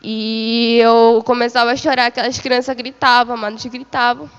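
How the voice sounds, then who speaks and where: A woman's voice: fairly high pitch, little pitch movement, moderate pace, smooth, highs cut off. Woman giving testimony in a reverberant hall. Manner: repetitive storytelling, addresses listeners as beloved. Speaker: church member giving testimony. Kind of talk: religious testimony of a vision.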